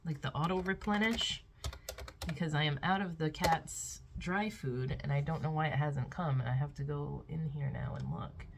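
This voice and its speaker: A woman with a notably low voice rambles through a casual home vlog, full of filler words and small laughs. She talks into a phone camera in her house. A faint background hiss runs under her voice. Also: big pitch swings, moderate pace, creaky. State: out of breath. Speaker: vlogger. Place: at home indoors.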